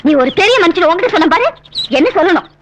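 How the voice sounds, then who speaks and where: An actress playing a young pregnant village woman, sharp and scolding when crossed. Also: very high-pitched, animated, background noise. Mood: angry. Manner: sharp, scolding, quick to anger. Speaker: expectant mother in a short film. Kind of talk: film drama acting. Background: loud film score.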